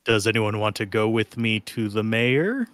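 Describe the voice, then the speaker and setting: A man's voice: lowish voice, expressive, normal speed, a bit bright, no echo. A man playing a tabletop game, joking and laughing with the table. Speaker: player. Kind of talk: tabletop role-play.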